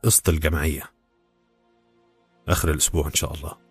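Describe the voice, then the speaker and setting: An anxious Egyptian housewife, as a man reads her lines, coaxing and apologetic in a low, quick voice. The sound is dry and close, with faint music under it. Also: slightly rough, dry recording. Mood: pleading. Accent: Egyptian Arabic. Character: pleading Cairene housewife, anxious to help her family.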